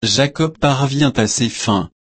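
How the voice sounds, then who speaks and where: Male scripture reader, measured and solemn; husky, dry close sound. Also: medium pitch, dry recording. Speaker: Bible reader and commentator. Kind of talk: scripture reading with devotional commentary.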